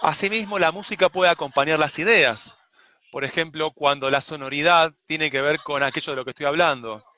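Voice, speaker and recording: A man teaching poetics, explaining in a measured way and tapping out rhythms with spoken syllables. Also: fairly high pitch, bright, forceful tone, dry recording. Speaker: poetry teacher.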